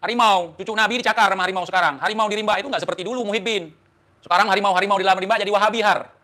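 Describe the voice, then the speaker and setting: A man's voice: high-pitched, fairly even intonation, very fast, pushed and bright. A man hosting an online talk show, delivering a defiant, taunting monologue to the camera full of rhetorical questions. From Indonesia.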